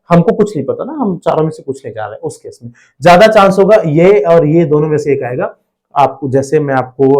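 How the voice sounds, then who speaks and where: A man's voice: a little high, a little mellow. An Indian man teaching an exam prep lesson, explaining step by step and often asking rhetorical questions.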